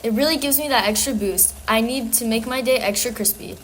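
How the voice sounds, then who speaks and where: A woman's voice: fairly high pitch, fairly quick, slight background noise, natural voice. A woman playing a devoted housewife who gives an earnest testimonial in a parody radio advert.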